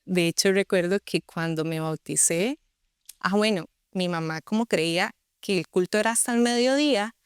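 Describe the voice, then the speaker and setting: Costa Rican woman, smooth clear voice. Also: lowish voice, normal speed, no echo, studio quality. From Costa Rica. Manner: earnest, reflective storytelling. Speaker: interview guest. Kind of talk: personal testimony.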